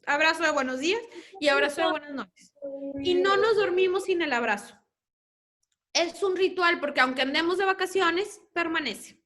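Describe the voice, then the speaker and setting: This is a woman with a Mexican accent and a high voice giving a talk to parents on family life. She speaks as a mother herself, explaining her points and acting out what children say at home. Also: pushed and bright. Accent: Mexican Spanish. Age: adult parent.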